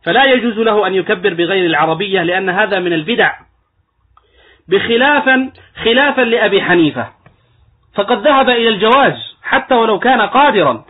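A man with a high, husky voice gives a religious lecture on law. He explains each point step by step and sometimes acts out mistaken pronunciations. The sound is thin and tinny, like a phone line. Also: animated, fairly quick. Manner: explanatory, demonstrates wrong pronunciations. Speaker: Islamic scholar teaching jurisprudence.

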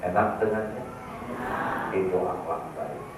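A man's voice: deep voice, measured pace. A male preacher, giving a humorous sermon and teasing the audience with questions. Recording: echoey hall, distant mic, faint noise.

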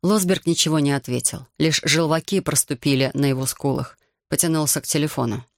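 Gravelly male audiobook narrator. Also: a little high, a little fast, no echo, studio quality. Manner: even, literary storytelling.

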